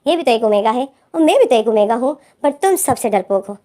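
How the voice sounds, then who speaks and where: A woman voices a bossy young man who needles his timid friend with teasing scolds. The voice sits a little high and sounds mellow rather than bright. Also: expressive, brisk, lightly acted.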